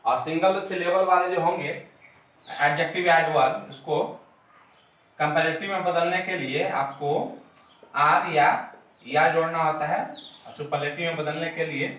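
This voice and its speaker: A man's voice: a little high, steady tone, measured pace, pauses often, fairly bright tone. A man teacher explaining a grammar lesson step by step, repeating his key terms. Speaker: English teacher. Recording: very echoey room, mic far off.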